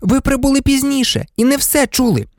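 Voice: high voice, fairly quick, no room sound, clean studio sound, voice pushed up, natural voice. A reader voicing a clever, earnest teenage girl in a storybook, speaking bluntly.

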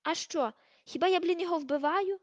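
A woman voicing a crude, hulking teenage boy bully who talks coarsely and shouts in a storybook reading. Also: sits high, animated, brisk, dry recording, highs cut off. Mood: furious.

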